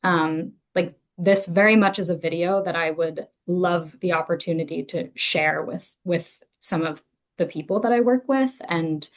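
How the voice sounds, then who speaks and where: Woman with a lowish voice, casual and hesitant, commenting on a video. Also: unhurried. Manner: chatty, hesitant, many likes and ums. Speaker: guest commentator who works with teenagers. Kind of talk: casual spoken feedback.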